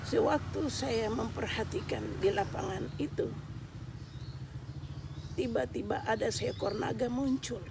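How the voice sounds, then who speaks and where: Gravelly-voiced woman giving earnest testimony. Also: mid-range voice, noisy background. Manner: earnest storytelling that swells to loud, tearful intensity. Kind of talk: spoken religious testimony.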